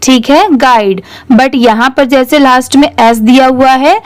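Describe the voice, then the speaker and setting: A woman teaches a spoken lesson. Her voice is high and smooth. She spells words out letter by letter and reads them back with care. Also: rough recording. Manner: slow deliberate reading, then brisk spelling-out explanations. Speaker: English teacher.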